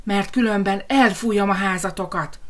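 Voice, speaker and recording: A woman voicing a hungry, blustering male wolf from a storybook who pleads slowly and then threatens loudly. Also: medium pitch, close to an everyday voice. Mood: threatening.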